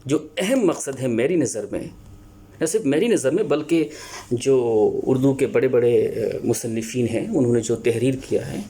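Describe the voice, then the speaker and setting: A man lecturing as a teacher, earnest and explanatory, pausing often to find his words. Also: medium pitch, warm tone, slightly rough. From Pakistan. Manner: earnest, explanatory, with many filler pauses and restarts. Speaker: Urdu teacher. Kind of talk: spoken lecture on teaching Urdu.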